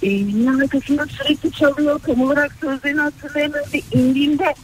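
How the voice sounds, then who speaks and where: A woman's voice: high-pitched, fairly even intonation, fast talker, poor audio. Hesitant woman calling in to radio. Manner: hesitant, many fillers. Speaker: radio caller. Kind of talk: casual phone-in chat.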